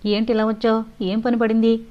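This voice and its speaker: A woman voicing a suspicious old male fakir with a hoarse voice, in a storybook reading. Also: fairly high pitch, level tone, moderate pace, lightly acted. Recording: dull lo-fi recording.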